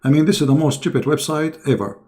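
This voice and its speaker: Stream host, male, mellow dark voice gone hoarse, coughs and clears his throat a lot. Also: fairly high pitch, fast. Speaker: online debate host. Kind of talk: live-stream talk to viewers.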